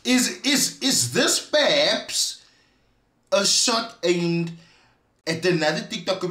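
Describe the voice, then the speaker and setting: A man giving pointed reaction commentary, addressing viewers directly with emphatic pauses. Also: fairly high pitch, fairly bright tone. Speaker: commentator exposing online schemes. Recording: roomy, echoey sound.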